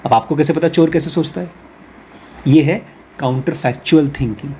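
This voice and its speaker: A man teaching a spirituality course, explaining ideas in Hindi mixed with English phrases. He reads English lines slowly, then explains them through everyday examples. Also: on the high side, dark tone, a little hiss or hum. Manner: explains with everyday examples and role-play scenarios.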